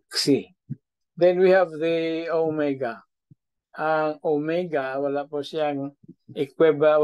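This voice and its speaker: A man's voice: a little high, clean tone, rough recording. A middle-aged Filipino man, a pastor, teaching Biblical Greek in an online video-call class with a patient manner, checking in after each point.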